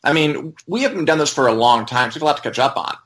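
A man's voice: fairly high pitch, lively intonation, racing, a bit bright. A man talking casually as a podcast co-host, in an informal, conversational way. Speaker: website editor and podcast co-host.

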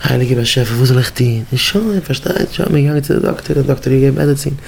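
A man teaching educators in a rabbinic lecture, telling stories in halting, repetitive speech. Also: mid-range voice, steady tone, gravelly, a little mellow, slight background noise. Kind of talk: Yiddish-flavored Torah lecture.

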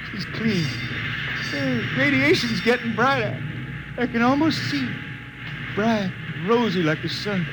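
Folksy old american spaceman, high drawly stubborn voice, super noisy old radio play. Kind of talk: 1950s radio drama acting. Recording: very noisy vintage radio recording.

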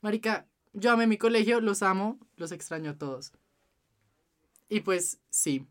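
A man's voice: high-pitched, lively intonation, measured pace, fairly bright tone. A young man with a Colombian accent chatting casually and emphatically, full of gossip. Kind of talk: casual chat.

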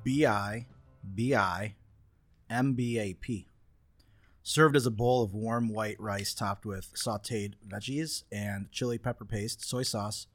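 A husky, slightly low-voiced man co-hosts a relaxed podcast chat, easygoing and casually profane. He sounds close and dry on a podcast mic, with faint music somewhere behind him. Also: takes it slowly, dry recording. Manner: laid-back, swears casually. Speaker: podcast co-host. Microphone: podcast microphone.

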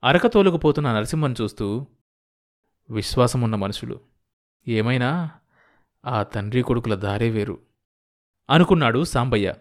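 A man narrating a novel as an audiobook in a steady, expressive storytelling manner. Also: mid-range voice, normal speed, pauses often. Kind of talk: reading a novel aloud.

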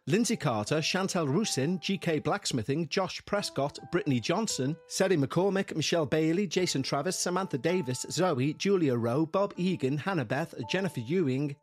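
Ominous male podcast host over music. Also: on the high side. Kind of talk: scripted paranormal podcast narration.

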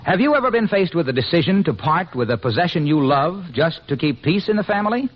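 Announcer, man, old broadcast disc sound: lively, slightly high voice, dull lo-fi transcription, upbeat 1940s ad read. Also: slight background noise. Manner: brisk, upbeat sales pitch. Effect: old broadcast disc recording. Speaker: radio announcer. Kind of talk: 1940s radio commercial read.

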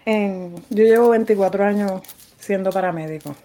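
A middle-aged woman with a Puerto Rican accent, co-hosting a podcast and telling a story in casual chat, profane and animated, shouting out the lines she quotes. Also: mid-range voice, normal speed. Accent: Puerto Rican Spanish. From Puerto Rico. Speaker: podcast co-host.

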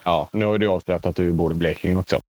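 A man's voice: deep voice, fairly even intonation, darkish tone, dry recording. A man with a mixed Swedish dialect, largely Gothenburg, chatting casually as a podcast co-host. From Gothenburg, Sweden. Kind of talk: casual chat.

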